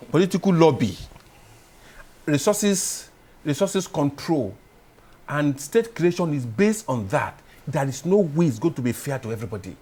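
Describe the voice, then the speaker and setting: Appearing as a guest in a TV studio discussion, a male public affairs analyst explains things in a measured way before building to emphatic points. His voice is on the high side, husky and warm, with lively intonation.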